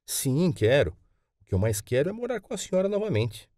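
A man's voice: on the high side, very animated, fairly quick, dark tone, no room sound, clean studio sound, pitched above the performer's own voice. A man voicing a young boy who asks questions eagerly in an audiobook. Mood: pleading. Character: young boy, frightened then trusting. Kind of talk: audiobook character voice.

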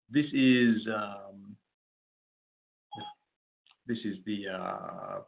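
Man lecturing over tinny, husky audio. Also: lowish voice. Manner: loose, conversational, with frequent fillers and restarts. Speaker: winemaking yeast presenter. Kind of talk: casual webinar lecture.

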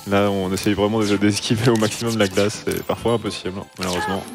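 A man with a fairly low voice calmly commentates a live speedrun and talks through each level in turn. Music plays clearly in the background. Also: fast talker. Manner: calm, walks through each level step by step.

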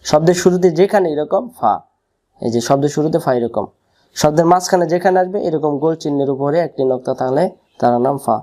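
A man teaching Quran reading, drilling each letter sound slowly and repeating it again and again, with homely asides. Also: on the high side, mellow. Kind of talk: slow letter-by-letter recitation lesson.

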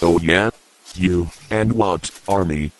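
Sassy male robot sidekick with a robot voice, played by a man: low, unhurried, deadpan insults. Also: slight background noise. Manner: slow, flat robotic delivery with cheeky insults. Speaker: co-host.

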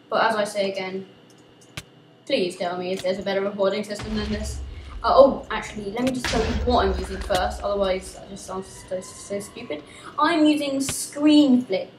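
A young woman, chatting excitedly while recording herself playing a video game. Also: mid-range voice, echoey room, a little hiss or hum, poor audio. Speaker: gamer recording gameplay. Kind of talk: let's play commentary.

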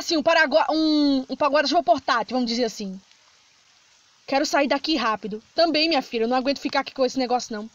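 High-voiced Brazilian woman playing a game. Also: a bit bright, dry recording. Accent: Brazilian Portuguese. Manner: chatty, reading game text aloud and reacting, easily startled. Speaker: gaming streamer. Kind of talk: Let's Play commentary. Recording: slightly dull lo-fi sound with game music.

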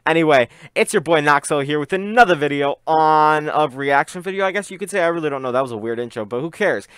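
A man's voice: on the high side, fast, fairly bright tone, smooth, no room sound, clean studio sound. A man hosting a reaction video, talking in a hyped, slangy, rambling way, his voice muffled by a face mask. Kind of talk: casual reaction vlog. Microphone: desk microphone.

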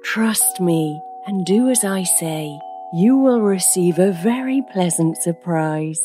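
A woman voicing a kindly, wise fairy in an animated fairy tale, calm and reassuring. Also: fairly low pitch, slow pace, music in the background.

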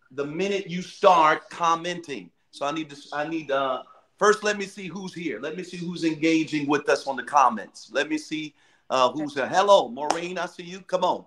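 A man's voice: on the high side, fairly bright tone. A man hosting a live video call, greeting viewers by name and hyping them up. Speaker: livestream host. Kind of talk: lively livestream hosting.

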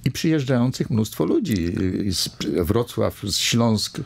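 A man's voice: mid-range voice, sing-song, a little slow, creaky, slightly rough. An older man, a village mayor, talking in a radio studio interview at a desk microphone, rambling with many hesitations and fillers. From Poland.

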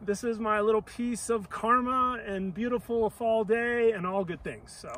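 A man's voice: high voice, normal speed, far from the mic, poor audio. Upbeat man vlogging outdoors. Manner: upbeat, enthusiastic, shouting to ground crew during launch. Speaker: vlog host, paraglider pilot. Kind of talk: casual outdoor vlog. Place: open grassy field outdoors. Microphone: action camera on harness.

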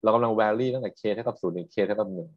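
A university lecturer races through his explanations in a voice on the low side, with no room sound. Still patient and technical in style, he often tags his points with short questions to students. The audio is somewhat dull and muffled.

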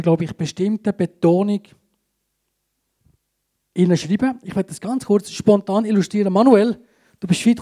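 A man with a Swiss German accent preaching a sermon in church, swinging between urgent emphasis and a hushed tone. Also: high voice. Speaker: pastor. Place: church service.

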